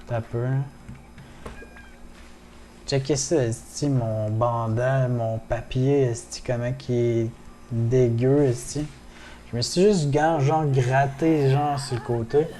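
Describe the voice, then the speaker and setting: A man's voice: medium pitch, fairly even intonation, takes it slowly, warm tone, slight background noise. A man with a Québécois accent, chatting casually to viewers while streaming a game and swearing often. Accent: Québécois French. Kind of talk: casual gaming livestream chat.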